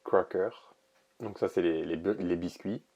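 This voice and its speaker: A man casually showing an oracle card deck, talking in a relaxed, hesitant way with many pauses and fillers. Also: deep voice, highs cut off. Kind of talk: casual product presentation to camera.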